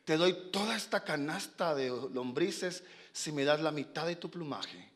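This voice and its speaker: Man voicing a sneaky fox salesman, singsongy and drawn out, voice pitched up. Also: expressive, a bit bright. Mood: coaxing. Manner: sing-song hawking, slow and coaxing. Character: sly scheming male fox peddler. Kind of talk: storytelling in a sermon.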